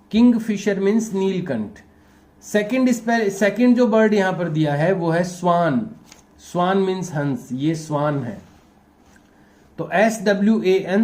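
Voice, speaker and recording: Guy teacher spelling words out real slow for kids, kinda soft mellow voice, patient. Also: sits high. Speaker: primary school teacher. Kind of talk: slow classroom dictation lesson.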